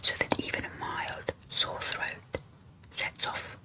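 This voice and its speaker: A woman doing a whispered role-play in a soft, unvoiced ASMR whisper, speaking slowly and deliberately. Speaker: ASMR video creator.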